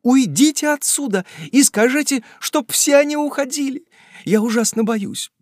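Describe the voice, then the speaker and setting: A man voicing a frightened, tearful young lady in a very high, trembling, pleading voice. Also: moderate pace, darkish tone, no room sound, clean studio sound.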